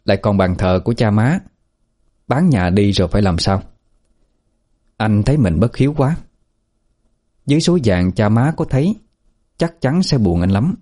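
A man reading a dramatic story aloud in earnest, steady scripted narration. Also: on the low side, normal speed, long pauses.

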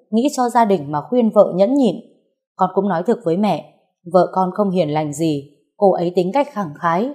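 Storybook: earnest young husband, firm and pleading, voiced by a woman reader, low and mellow. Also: natural voice. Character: earnest young husband defending his wife.

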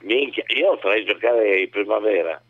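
A sick, feverish man calling into a radio show as a comedian guest, answering slowly in short phrases with a chuckle now and then. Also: lively intonation, dry recording. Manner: slow, low-energy, short replies with chuckles. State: feverish, unwell. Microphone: phone line. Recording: tinny phone line.

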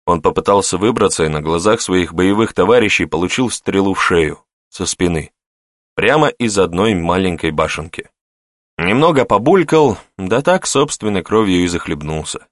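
A man reading an adventure novel aloud as an audiobook narrator, with steady, measured storytelling. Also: low voice, dry recording, clean studio sound. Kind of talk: scripted narration.

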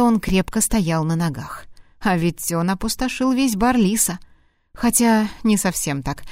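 Woman reading a fantasy novel out loud, middle pitch, really dry close mic. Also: dry recording. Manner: expressive, acting out dialogue. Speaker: audiobook reader. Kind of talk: scripted first-person novel narration.

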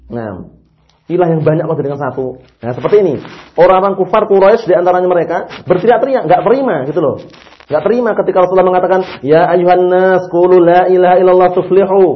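Male religious teacher, fairly high voice, quizzes his class, dull lo-fi recording. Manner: lively, asks rhetorical questions and answers them himself. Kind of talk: explaining a religious text to a class.

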